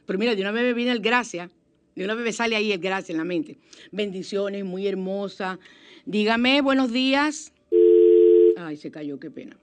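A woman radio host, giving spiritual self-help advice in a chatty, expressive way with sudden exclamations. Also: medium pitch, fast, a little hiss or hum. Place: radio studio.

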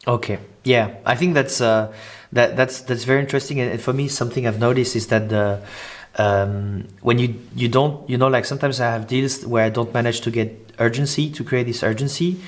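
A man's voice: mid-range voice, fairly even intonation, brisk. Hesitant man interviewing. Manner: hesitant, many fillers and restarts. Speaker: podcast host, interviewer. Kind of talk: interview questions, casual.

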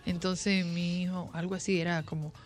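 A woman's voice: fairly low pitch, level tone, moderate pace, soft background music. A middle-aged woman from the Dominican Republic, a mother, chatting casually as co-host and telling stories about her upbringing in a reflective way. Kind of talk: casual chat.

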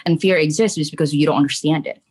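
A middle-aged woman from the Philippines, a trauma coach and spiritual medium, tells personal stories casually as a guest in a podcast interview. Her low, husky, slightly mellow voice moves at a quick pace. She is candid and emphatic, often checking in with "right" and "you know."

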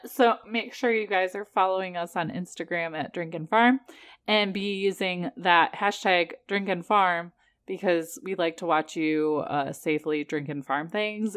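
Slightly low-voiced woman chatting on a podcast. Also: a little slow, smooth. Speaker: podcast co-host. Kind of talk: casual podcast chat.

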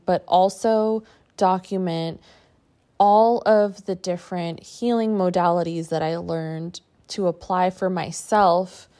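A woman podcast host and coach giving a reflective personal monologue in short, halting phrases. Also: lowish voice, darkish tone.

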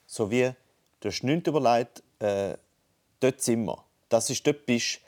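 A man's voice: mid-range voice, unhurried, darkish tone. A man, co-hosting a casual podcast. He thinks aloud and circles back, restarting his sentences as he goes. He is heard over a phone call. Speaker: podcast co-host. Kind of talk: casual conversation.

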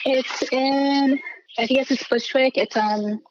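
Woman artist, slightly high voice, slow and unsure, lots of ums, muffled dry call audio. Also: fairly even intonation, dry recording. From Philadelphia area. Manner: hesitant, many fillers and pauses. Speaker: guest artist. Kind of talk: casual interview. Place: art studio. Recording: dull lo-fi remote line, dry.

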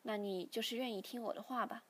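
A woman's voice: a little high, fairly even intonation, quick pace, a bit bright. A woman voicing a stern, weary middle-aged father who lectures his grown son, in a read-aloud novel. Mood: quiet.

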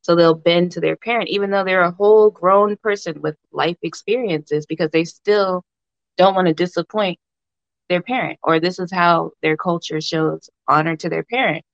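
A woman in casual discussion, explaining her points in a measured, conversational way. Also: lowish voice, vocal fry. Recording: echoey room, slightly muffled sound.

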